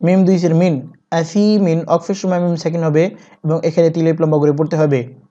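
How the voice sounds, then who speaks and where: A man teaching Quran reading, spelling out syllables one by one and chanting each verse slowly. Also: fairly high pitch, little pitch movement, warm tone. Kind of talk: step-by-step recitation lesson. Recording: dull lo-fi recording.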